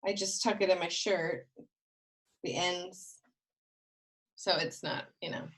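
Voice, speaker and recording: A woman's voice: fairly low pitch, slow pace, fairly bright tone. A woman in her fifties hosting a casual video call about fashion, chatty and rambling, often trailing off mid-sentence. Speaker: host.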